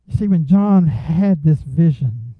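High-voiced preacher on a tinny line. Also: male voice, lively intonation, takes it slowly, breathy edge, dry recording. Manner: earnest, prayerful, rising to emphatic peaks. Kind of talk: sermon. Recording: tinny phone-like sound, dry.

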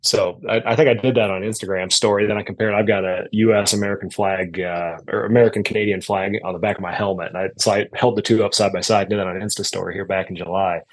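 Husky-voiced man telling animated stories. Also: fairly low pitch, quick pace, few pauses, low-quality recording. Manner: animated storytelling. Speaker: aerobatics coach. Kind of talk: casual podcast chat.

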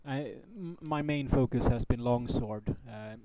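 Mellow, hesitant man co-hosting. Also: medium pitch, poor audio. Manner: hesitant, halting. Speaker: podcast co-host. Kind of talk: casual podcast chat.

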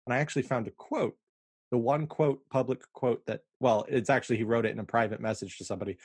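A man's voice: medium pitch, fairly even intonation, quick pace, slightly rough, dry recording. A man co-hosting a podcast, chatting casually, laughing often and reading quotes aloud. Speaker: podcast co-host. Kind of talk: casual chat.

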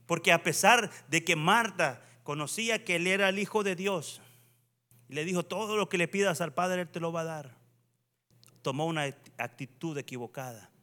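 A male pastor preaching a sermon in a church, swinging from hushed reading to fervent, raised exhortation. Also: on the high side, normal speed.

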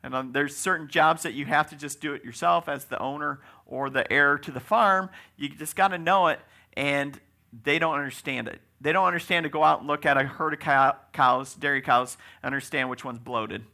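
A man delivers a folksy, conversational sermon and often checks in with his listeners. His voice sits fairly high, bright and forward, with a lot of gravelly fry underneath. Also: normal speed. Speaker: preacher.

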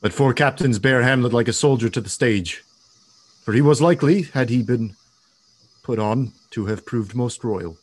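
A man's voice: medium pitch, normal speed, slightly rough, lightly acted. A man acting a grave, commanding warrior prince in a Shakespearean tragedy.

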